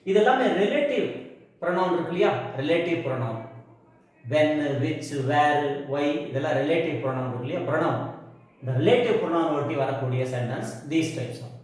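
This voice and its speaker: Echoey grammar tutor, slow dictation. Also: male voice, a little high, darkish tone. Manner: slow, dictating English example sentences word by word; explains in Tamil, asks and answers his own questions. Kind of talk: classroom grammar lesson. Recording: very echoey room.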